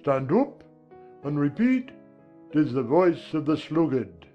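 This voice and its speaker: A man's voice: a little high, big pitch swings, slow pace, dull audio, faint music behind. A man voicing a solemn, impatient male Gryphon who bosses others around, in a dramatized audiobook. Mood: bossy. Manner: blunt, impatient, bossy.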